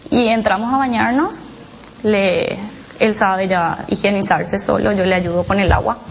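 A mother recounting her child's experience in halting, emotional personal testimony, with many restarts and tag questions. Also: medium pitch, steady tone, gravelly, slight background noise, rough recording.

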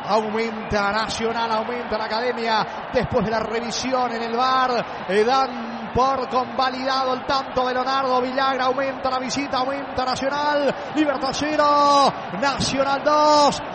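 A man doing breakneck football goal commentary as play-by-play announcer, excited and chanting, repeating words and names. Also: extremely high pitch, moderate pace. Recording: loud stadium crowd noise behind. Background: roaring stadium crowd.

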